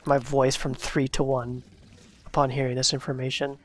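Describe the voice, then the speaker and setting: A man's voice: mid-range voice, completely flat delivery, normal speed. A man playing a video game with friends, making dry, offhand comments as he plays. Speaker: co-player on stream. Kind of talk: casual gaming chat.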